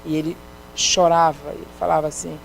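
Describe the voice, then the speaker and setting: This is a rough recording with slight background noise of a middle-aged woman, Brazilian Portuguese accent, preaching as a missionary in a church sanctuary. She tells a testimony story by acting out its dialogue, her low, gravelly voice flat and a little fast.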